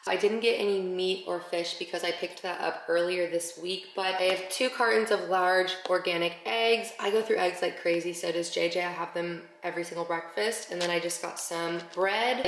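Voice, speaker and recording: A woman in her twenties talks casually to camera for her daily vlog, upbeat and saying "like" constantly. Her lowish voice holds a steady tone at normal speed with hardly any pauses, and the large, bright home she's in gives a roomy echo and faint noise.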